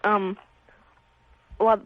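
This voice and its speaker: A woman's voice: extremely slow, no echo. A twenty-year-old woman calling into a radio show, talking hesitantly and rambling with lots of fillers. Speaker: caller. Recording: muffled phone-in line.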